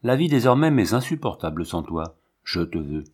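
A man reading the lines of a jealous, obsessive young man, intense and pressing, in a low voice. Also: big pitch swings, normal speed, a little mellow, breathy edge, heavily acted.

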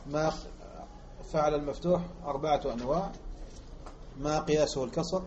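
A man from Algeria teaching Arabic morphology as a lecture, repeating example words slowly and quizzing his listeners. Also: fairly high pitch, darkish tone, slight background noise. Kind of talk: classroom lecture explaining grammar. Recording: muffled lo-fi recording.

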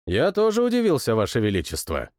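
A man's voice: medium pitch, wildly swooping pitch, quick pace, dry recording. Man doing a dry, sardonic courtier. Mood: wry. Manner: restrained, quietly ironic. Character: dry, sardonic young male courtier, the narrator.

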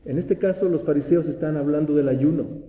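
A man's voice: fairly high pitch, brisk, lo-fi sound. A man preaching a sermon as pastor in a church, asking rhetorical questions and often restarting his words. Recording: echoey room.

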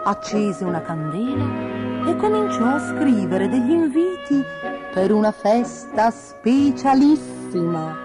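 A woman reading a children's fairy tale aloud in an expressive, lively way. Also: medium pitch. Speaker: storyteller. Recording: dry, with faint music behind.

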